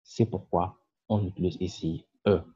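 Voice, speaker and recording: A man's voice: low voice, fairly even intonation, normal speed, mellow, husky. A man, the creator of the channel, explaining English articles in a patient grammar lesson with frequent fillers. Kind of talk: French-language grammar lesson. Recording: dull lo-fi sound.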